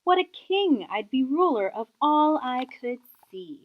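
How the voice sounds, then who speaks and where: A pompous storybook turtle king, played by a woman, bellows his boasts in a high voice that swoops widely. He is domineering and greedy, and the sound is slightly dull and lo-fi. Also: big pitch swings, measured pace. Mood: discontented, scheming. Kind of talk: children's storybook read-aloud.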